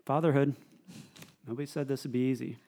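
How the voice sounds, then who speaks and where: Deadpan young man podcast co-host. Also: medium pitch, fast talker. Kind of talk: casual chat.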